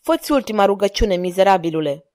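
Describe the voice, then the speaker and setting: A stern veteran musketeer captain, read by a woman narrator, speaking in a grave, solemn voice. Her tone is mellow and warm, recorded dry and close. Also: medium pitch, expressive, no room sound, close to an everyday voice.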